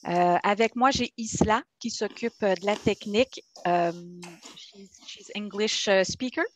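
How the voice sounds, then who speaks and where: A woman's voice: a little high, slight background noise. A woman from Quebec with a Québécois French accent hosts an online webinar, talking in an enthusiastic, chatty way with frequent hesitations, heard over a video call. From Quebec, Canada. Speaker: webinar host. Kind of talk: live webinar moderation.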